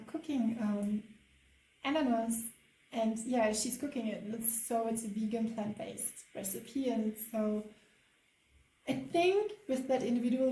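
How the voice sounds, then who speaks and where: A woman's voice: fairly high pitch, roomy sound, low-quality recording. A woman with a German accent doing a spiritual tarot reading, hesitant and full of fillers. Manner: hesitant, many fillers, soft laughs. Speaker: tarot card reader.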